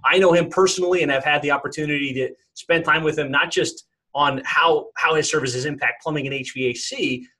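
A man's voice: fairly high pitch, fairly bright tone, husky, low-quality recording. A man hosting a podcast interview, introducing his guest with plenty of fillers and repeated words. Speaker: podcast host.

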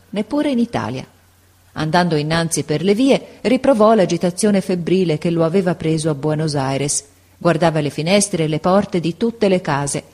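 A woman narrating a classic story aloud in an expressive, measured reading. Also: lowish voice.

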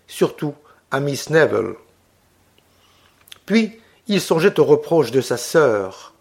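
A man giving a scripted narration of a classic novel in a steady, measured literary reading. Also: a little high. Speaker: audiobook narrator.

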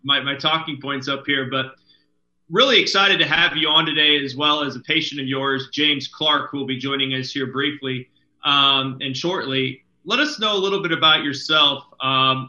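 A man hosts a radio talk show from a studio with a very bright, forceful voice. He chats casually and trips into fillers and restarts. The recording is roomy and a bit dull. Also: medium pitch. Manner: chatty, with frequent fillers and restarts.

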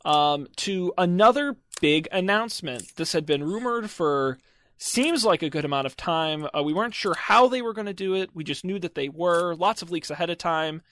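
A man's voice: high-pitched, expressive, moderate pace, a bit bright. Wry man hosting a tech podcast. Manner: chatty, wry, filler-heavy. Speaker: podcast host. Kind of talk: casual tech podcast chat.

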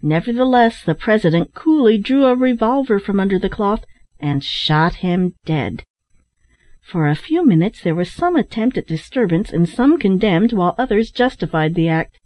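A woman reading a novel aloud as an audiobook narrator, in a measured, even storytelling manner. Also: medium pitch, no echo. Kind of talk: scripted narration. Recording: dull, dry close recording.

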